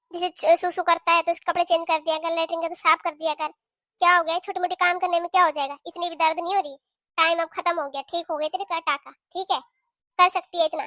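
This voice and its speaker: A woman's voice: very high-pitched, bright, forceful tone, no echo, clean studio sound. A woman voicing a stern scolding mother-in-law. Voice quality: lecturing, scolding. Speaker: cartoon voice actor. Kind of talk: cartoon voice acting.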